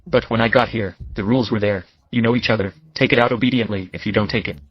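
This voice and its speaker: A man's voice: on the low side, fairly even intonation, fast talker, lo-fi sound, a little hiss or hum, natural voice. A man voicing an arrogant, greedy security captain in an English drama dub, sneering and bullying. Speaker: dub actor.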